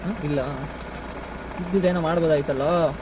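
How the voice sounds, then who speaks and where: A man acting a bumbling, greedy yet soft-hearted kidnapper in a comic skit, talking in a rambling, rustic way outdoors. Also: on the high side, fairly even intonation, fairly quick, natural voice. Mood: scheming. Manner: rambling, chatty, rustic talk. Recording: street noise with idling engine.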